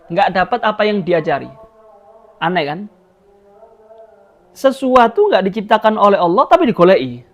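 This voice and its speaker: A man with a Javanese accent giving a religious sermon with a high voice. He preaches in a lively, expressive way, slipping into local phrases and acting out the people he quotes. The sound is dull and lo-fi, like a live stream. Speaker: Islamic preacher.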